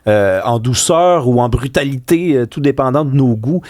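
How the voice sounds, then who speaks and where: Lively Québécois man hosting radio. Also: medium pitch, normal speed, dry recording, clean studio sound. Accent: Québécois French. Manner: expressive, argumentative, cites literature. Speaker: radio host. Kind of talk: radio interview discussion. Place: radio studio.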